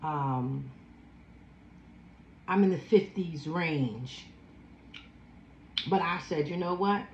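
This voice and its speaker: Woman, 50s, Philadelphia accent, food vlogger, unhurried chat, slightly dull recording. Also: deep voice, echoey room, slight background noise. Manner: slow, savoring, chatty with food sounds. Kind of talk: casual eating chat.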